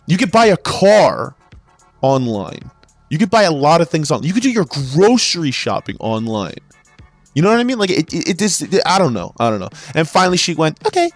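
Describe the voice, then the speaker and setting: A man's voice: on the high side, big pitch swings, brisk, soft background music. Exasperated man ranting, heavy swearing. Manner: profane, exasperated, with frequent restarts. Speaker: retail sales worker. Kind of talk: ranting storytelling.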